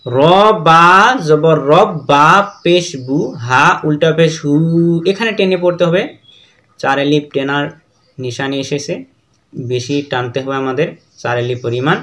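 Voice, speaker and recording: A man's voice: fairly high pitch, fairly even intonation, fairly bright tone. A man with a Bangladeshi Bengali accent teaching Quran reading, spelling words out letter by letter and chanting the verses. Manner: slow letter-by-letter drilling with sung recitation.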